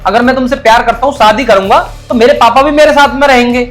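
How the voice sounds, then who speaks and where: A man playing a firm, fast-talking young son. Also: very high voice, a bit bright, soft background music. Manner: earnest, firm, lecturing.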